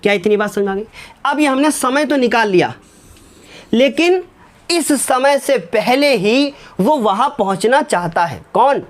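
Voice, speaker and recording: A man's voice: very high-pitched, lively intonation, measured pace. A male physics teacher works through numericals step by step. He keeps checking that his students follow and calls them by fond, fatherly names. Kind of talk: whiteboard lesson solving numericals.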